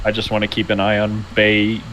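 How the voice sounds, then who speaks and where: Low-voiced man, rambling player. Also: completely flat delivery, fairly quick, a bit bright, a little hiss or hum, poor audio. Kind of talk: casual chat at a game table.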